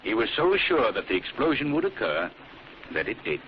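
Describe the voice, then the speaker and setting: An actor playing a commanding, calm and ominous crime-fighting vigilante in a theatrical, solemn 1940s radio style. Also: male voice, mid-range voice, normal speed, close to an everyday voice. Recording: muffled, noisy old radio recording.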